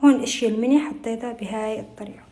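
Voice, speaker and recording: A woman with a Levantine Arabic accent, chatting casually to camera in a vlog, playful and fast, often trailing off softly. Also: on the high side. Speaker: vlogger.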